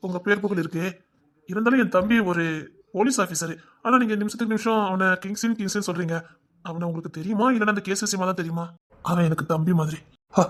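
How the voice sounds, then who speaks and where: A man's voice: high voice, a bit bright. A man telling a dramatic audio story and voicing every part in conversational dialogue. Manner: wondering, questioning, then conversational dialogue. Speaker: storyteller voicing all parts.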